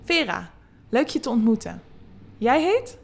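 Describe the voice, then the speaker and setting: A woman's voice: fairly high pitch, sing-song, measured pace, creaky, slightly rough, exaggerated voice. Ask for a woman playing a teasing seductress. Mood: flirty. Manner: playful, teasing, soft seductive voice.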